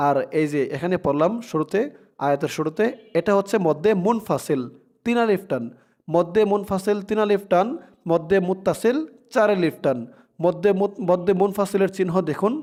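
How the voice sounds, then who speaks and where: A man teaching Quran recitation, spelling out syllables and chanting verses slowly for learners to repeat. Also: sits high, darkish tone. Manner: slow, drawn-out chanting of verses between quick explanations. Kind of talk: tajweed lesson, spelling out and reciting.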